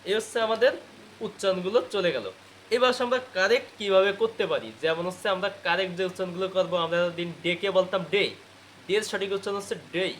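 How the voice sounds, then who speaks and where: A high-pitched man teaches English pronunciation to students. He drills each point by asking a question and answering it at once. A faint hiss runs under his voice. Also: quick pace, a bit bright. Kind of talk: spoken lecture to students.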